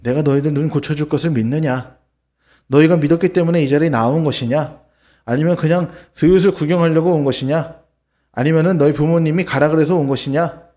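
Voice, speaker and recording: A man voicing a solemn, slow-speaking Jesus. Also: dark tone, natural voice. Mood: probing. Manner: slow, low and measured. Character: calm, solemn Jesus questioning the blind men.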